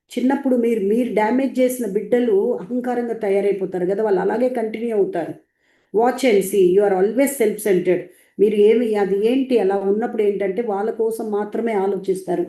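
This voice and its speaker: Dark-voiced woman lecturing in a roomy echo. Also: medium pitch. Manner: repetitive, emphatic, lecturing. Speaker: translator of spiritual teachings. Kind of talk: spiritual teaching talk, translating into Telugu.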